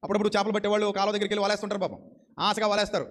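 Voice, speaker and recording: A man's voice: sits high, level tone, racing. A man preaching a sermon with fervent repetition and rhetorical questions.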